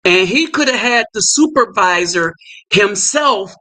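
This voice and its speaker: A man hosting a live stream, talking casually in quick bursts with asides and fillers. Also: sits high, lively intonation, bright, forceful tone. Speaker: livestream host.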